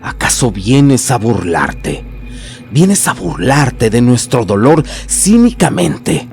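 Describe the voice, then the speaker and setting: A man's voice: medium pitch, expressive, unhurried, creaky, a little mellow, faint music behind. A man voicing a grieving older father who speaks in a bitter, accusing way. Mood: enraged.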